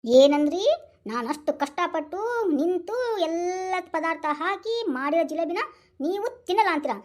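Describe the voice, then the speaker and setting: A woman's voice: extremely high pitch, normal speed, darkish tone. A woman voicing a bossy young wife in a Kannada cartoon, with a North Karnataka accent, scolding and coaxing by turns. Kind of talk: cartoon voice acting.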